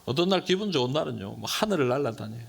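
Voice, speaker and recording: Animated gravelly-voiced male pastor. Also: mid-range voice, very fast. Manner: animated, rhetorical questions to the congregation. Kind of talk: sermon. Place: church sanctuary.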